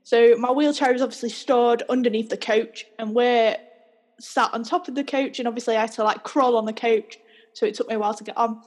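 A young woman with a slightly raised, husky voice chats through a story on a podcast. She's animated and laughs easily between lines. Her tone stays relaxed and conversational. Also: on the high side, brisk. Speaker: podcast co-host. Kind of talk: casual storytelling chat.

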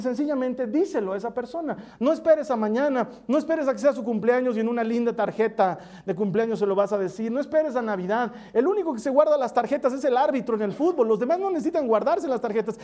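A man, preaching a sermon, who tells family stories and drops to soft, intimate asides. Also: very high voice.

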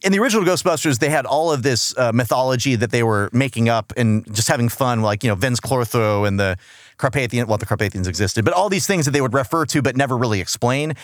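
A man's voice: mid-range voice, lively intonation, fast, no echo, clean studio sound. A man co-hosting a casual comedic recap chat, rambling and jokey, often correcting himself. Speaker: podcast co-host reviewing a cartoon.

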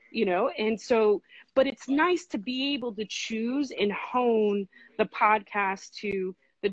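A woman guest talking casually in an interview, relaxed and chatty with plenty of fillers. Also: medium pitch, muffled recording. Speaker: podcast co-host and guest.

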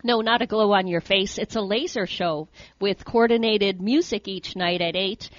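A woman's voice: mid-range voice, normal speed, dry recording, lo-fi sound. A woman co-hosting a morning radio show, chatting casually as she runs through weekend event listings. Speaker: co-host.

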